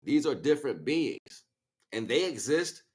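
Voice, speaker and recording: With a mid-range voice that swings widely in pitch, this man speaks unhurriedly. He's a livestream host and spiritual teacher giving an informal, improvised lecture, emphatically repeating phrases and regularly checking in on listeners.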